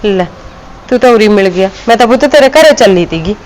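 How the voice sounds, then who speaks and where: A woman's voice: mid-range voice, animated, fast talker, a little mellow, lightly acted, rough recording. Older actress as a fretful old mother, soothing and motherly, faint hum behind. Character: worried old village mother.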